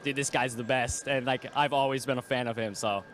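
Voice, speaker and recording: Rambling fast-talking male fan. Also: mid-range voice, steady tone, a bit bright, a little hiss or hum. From Chicago. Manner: rambling, casual, full of "like".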